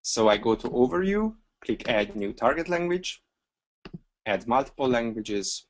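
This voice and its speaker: A Hungarian software trainer leads a webinar screencast, calmly walking through a feature step by step and narrating each click with a few filler words. His voice is mid-range and his pace measured.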